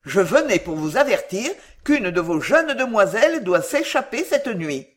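Woman playing a frantic pleading old gentleman. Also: medium pitch, sing-song, a little slow. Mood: explaining. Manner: loud, desperate pleading. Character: flustered elderly gentleman pleading loudly.

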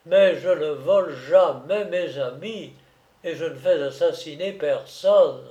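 A man reading aloud and voicing a jovial, smooth-talking gentleman thief with mocking politeness. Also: fairly high pitch, slow.

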